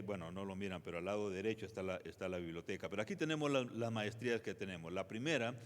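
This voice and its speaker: A man presenting at a church conference, speaking conversationally with many fillers and restarts. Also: fairly low pitch. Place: church sanctuary. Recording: long reverb of a church hall.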